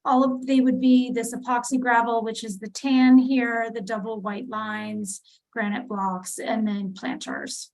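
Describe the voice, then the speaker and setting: A woman's voice: a little high, level tone, measured pace, gravelly, rough recording. A woman presenting a street plan at a public community meeting, talking with many fillers and restarts. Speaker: city transportation planner presenting.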